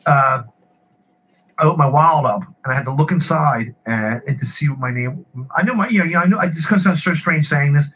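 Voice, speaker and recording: A man's voice: on the high side, a little fast, fairly bright tone, breathy edge. Rambling man telling a story, lo-fi. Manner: rambling, repeats words, laughs at own stories. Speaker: podcast regular. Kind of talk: casual storytelling chat. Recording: muffled lo-fi with faint hiss.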